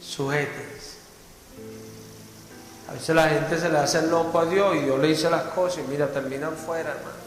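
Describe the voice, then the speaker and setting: A man's voice: on the high side, fairly even intonation, moderate pace, pauses often. A man preaching a sermon as pastor, fervently asking the congregation rhetorical questions. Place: church hall. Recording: echoey church hall, faint music.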